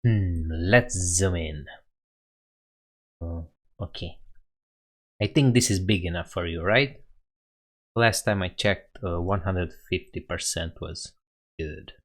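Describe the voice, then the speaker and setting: A Romanian-accented man hosts a live coding stream, narrating casually as he types, thinking out loud and correcting himself. His voice is low, his pace slow, and he leaves long pauses.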